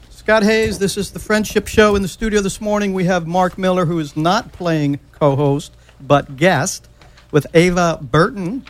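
A man hosting a morning radio show from the studio, jokey and upbeat. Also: on the high side. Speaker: radio host. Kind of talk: casual morning radio chat. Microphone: studio microphone.

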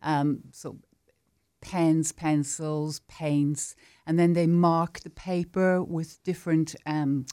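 An Irish woman in her fifties talks about teaching art in a casual interview, chatty, warm, enthusiastic and laughing often. Her voice is deep, clear and resonant, with a level tone and an unhurried pace.

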